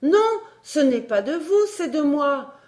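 A woman's voice: high-pitched, very animated, slow pace, a little mellow, voice pushed up, full character voice. A woman voicing a timid young male apprentice who speaks anxiously and hesitantly. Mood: defiant.

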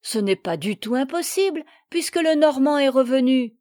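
A woman's voice: high-pitched, lively intonation, normal speed, mellow. An indignant young boy, read by a woman.

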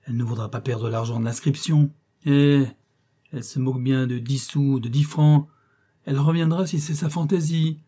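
A man voicing an eager, excitable young male clerk who defers to his boss. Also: medium pitch, normal speed, natural voice. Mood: reassuring.

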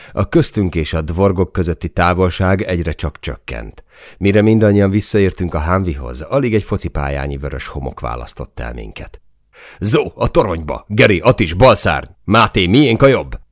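A man reading a first-person audiobook in a tense manner, rising to shouts in the dialogue. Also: low-pitched, no room sound, clean studio sound. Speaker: audiobook narrator.

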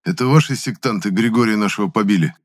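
A man voicing a brash young male squad leader who talks in sharp, mocking, commanding bursts. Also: on the low side, quick pace, natural voice.

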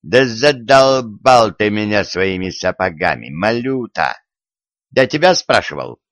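A man voicing a stern, mocking old Russian tsar in an audiobook, talking in a gruff, dismissive way. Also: on the low side, sing-song, measured pace, a bit bright, no echo. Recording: dull, dry lo-fi recording.

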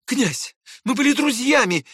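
A man's voice: very high voice, measured pace, slightly rough, dry recording, studio quality, pitched above the performer's own voice, exaggerated voice. A man reading aloud and voicing a proud, hot-tempered young man who argues with indignant urgency. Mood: emotional, pleading. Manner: excited, indignant pleading.

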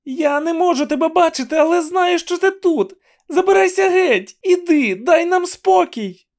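A man voicing a frightened woman who shouts urgent warnings in an audiobook. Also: very high voice, lively intonation, normal speed, voice pushed up.

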